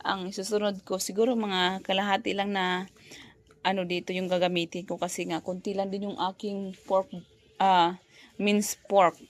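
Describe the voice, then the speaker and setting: A woman's voice: mid-range voice, little pitch movement, moderate pace. A woman vlogging as a mom cooking at home, chatting and mixing Tagalog with English while recording on her phone. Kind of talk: casual home cooking vlog. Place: home kitchen. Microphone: phone camera.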